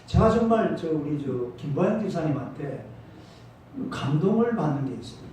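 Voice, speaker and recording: A man's voice: a little high, animated, normal speed, warm tone, slight background noise. Emphatic preacher man in an echoey sanctuary. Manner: emphatic, prompting congregation responses. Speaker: pastor. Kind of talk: sermon. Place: church sanctuary. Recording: echoey church hall from far off.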